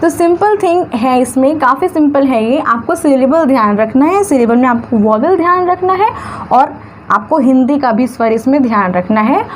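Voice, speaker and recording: A woman teaching English grammar, stretching words slowly into syllables and asking questions that she answers herself. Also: high-pitched, animated, slight background noise. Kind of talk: classroom-style grammar lesson.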